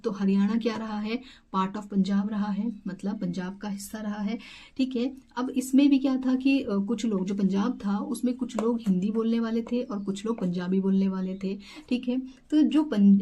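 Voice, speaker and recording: A woman's voice: medium pitch, dark tone. A woman teaching an exam-prep lesson, explaining step by step with rhetorical questions and English terms mixed in. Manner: mixes English terms into Hindi.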